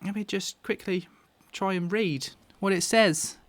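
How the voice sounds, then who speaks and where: A man's voice: sits high, a little slow, a bit bright, voice pushed up. A man voicing a young farm boy who boasts about being brave and wants to be an adventurer. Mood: excited. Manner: boastful, eager, stumbling.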